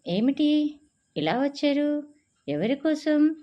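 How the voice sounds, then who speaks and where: A woman's voice: on the low side, very animated, slow, full character voice. A woman voicing a bold, outspoken young working woman who talks directly and asks pointed questions, on a dull lo-fi recording. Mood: cheerful.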